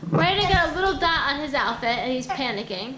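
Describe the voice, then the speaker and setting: A woman, a mother filming her kids at home, narrating in a playful vlog style with lots of excited, laughing exclamations. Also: high voice, brisk, background noise. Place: house, indoors.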